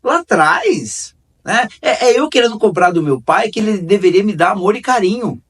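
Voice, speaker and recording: A man's voice: sits high, animated, normal speed, fairly bright tone, slightly rough, far from the mic. A man hosting a conversational talk on forgiveness, repeating key phrases and telling stories. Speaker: host.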